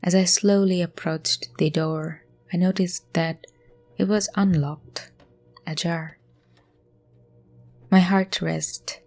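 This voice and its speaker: A woman narrating a scary story in a hushed voice, often dropping to a whisper. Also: on the low side, fairly even intonation, takes it slowly, pauses often, soft background music. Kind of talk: scripted horror story narration.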